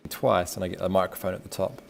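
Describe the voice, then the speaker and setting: Speaking at a quick pace in a low, gravelly voice, a New Zealand man talks his way through a screencast tutorial. He's a teacher, and his delivery is relaxed, like he's thinking out loud.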